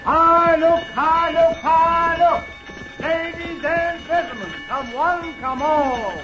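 An actor playing a showy traveling magician and elixir huckster in an old radio western, with grandiose barker's patter. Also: male voice, very high-pitched, unhurried, over music. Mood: showy, grand. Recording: muffled old radio recording, faint noise.

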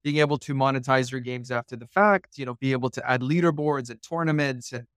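A man's voice: mid-range voice, fast talker, fairly bright tone, clear, resonant tone, dry recording, studio quality. A man from Morocco, a tech company executive, explaining his work as a podcast guest. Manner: articulate, enthusiastic explainer. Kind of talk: podcast interview.

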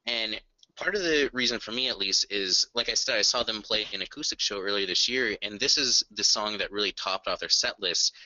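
A man's voice: on the low side, a little fast, bright, forceful tone, no room sound, dull audio. A man co-hosting a podcast, telling an enthusiastic, earnest story in casual music chat. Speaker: podcast co-host.

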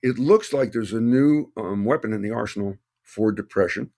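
A man hosting a podcast in casual talk, his voice worn out and hoarse from overuse. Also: on the low side, normal speed, mellow. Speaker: podcast host.

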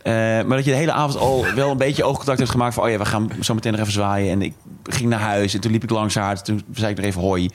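A man's voice: lowish voice, fairly even intonation, fast talker, hardly any pauses, slight background noise. A man, a podcast co-host, telling a rambling, self-deprecating story in casual chat.

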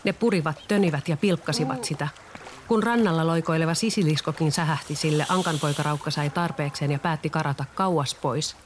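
A storyteller reading a children's storybook aloud in a calm, even way. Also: medium pitch, slight background noise.

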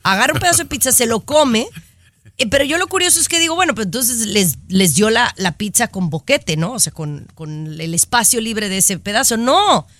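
A woman's voice: on the high side, lively intonation, normal speed, fairly bright tone, no room sound. A woman co-hosting a light entertainment talk show, chatty and playful with her audience. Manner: chatty and playful, calls listeners endearing names. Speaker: co-host. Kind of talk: casual entertainment chat.

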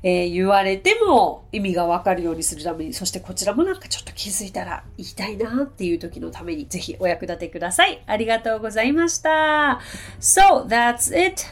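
A woman's voice: fairly high pitch, expressive, fairly quick. A woman teaching English on her own podcast, talking to listeners in a polite, chatty way and mixing in English phrases. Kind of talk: solo podcast lesson.

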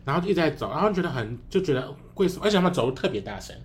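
A podcast co-host chatting casually, teasing friends with quick interjections. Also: medium pitch, big pitch swings, slight background noise. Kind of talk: casual chat.

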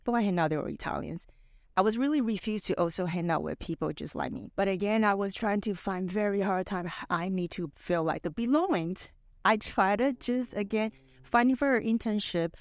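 A middle-aged woman raised in Canada, whose first language is Mandarin, co-hosts a casual podcast, telling rambling stories full of fillers. Her mid-range voice is expressive, at normal speed, with no echo.

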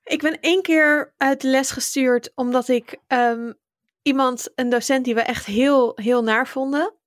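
A woman from the Netherlands co-hosting a podcast, lively and asking the questions in casual chat. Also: high voice, a little slow, dry recording, clean studio sound. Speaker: podcast co-host.

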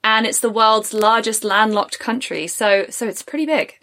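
A woman's voice: a little high, unhurried, fairly bright tone. Bubbly British woman hosting a podcast. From Britain. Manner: bubbly, laughs often, curious questions. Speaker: podcast host. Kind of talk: podcast interview.

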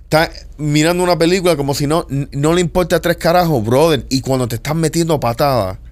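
A man's voice: fairly high pitch, fast. A man in a casual podcast debate who argues emphatically and keeps calling others "brother". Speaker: podcast co-host.

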